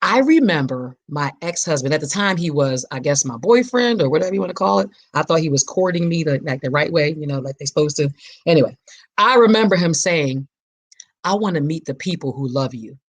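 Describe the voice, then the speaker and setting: A woman's voice: low voice, animated, fairly quick. A woman hosting her own podcast in an impassioned, preacher-like monologue, repeating phrases for emphasis. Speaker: podcast host.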